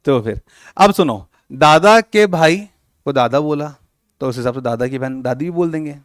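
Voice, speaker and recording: A man's voice: fairly high pitch, expressive, normal speed, no room sound, studio quality. Joking man teaching a coaching class. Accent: Hindi-English mixing, Rajasthan. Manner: joking, teasing students, acting out scenes. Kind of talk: classroom lecture.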